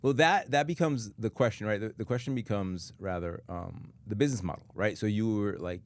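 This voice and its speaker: A man in his forties hosting a casual interview in an easygoing way, with lots of fillers and quick agreements. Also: on the low side, no echo. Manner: easygoing, with frequent "right, right" and fillers. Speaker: podcast host.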